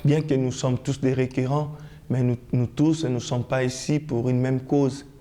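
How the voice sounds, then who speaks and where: A man speaks deliberately in an interview, explaining his point step by step. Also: mid-range voice, little pitch movement, dark tone. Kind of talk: testimony interview.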